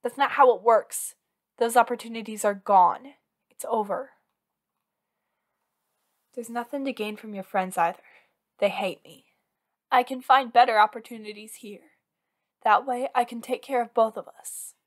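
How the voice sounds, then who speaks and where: Again playing the anxious, clingy, possessive villain in love, she addresses her partner one-on-one in an ASMR audio drama, earnestly and intimately pleading and insisting out of devotion. This time the mood turns defensive and insistent, her slightly high voice measured in pace with long pauses.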